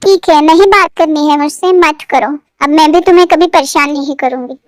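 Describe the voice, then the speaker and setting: A woman voicing a tipsy, sulky young woman in love, reading a fan fiction story aloud, with pouty, drawn-out lines. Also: high voice, dry recording, natural voice.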